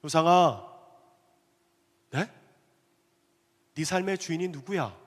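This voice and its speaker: The voice of God, as a preacher puts him on, speaks calmly and firmly, asking plain questions. The man's pitch sits a little high for him. A long reverb hangs in the church. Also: takes it slowly. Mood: questioning. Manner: firm, direct questioning. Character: commanding divine male voice, calm and firm.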